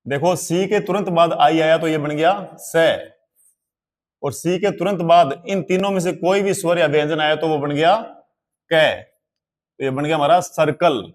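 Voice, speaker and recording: A man teaching English pronunciation in a slow, classroom-style explanation, spelling words out letter by letter and repeating examples. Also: on the high side, fairly even intonation.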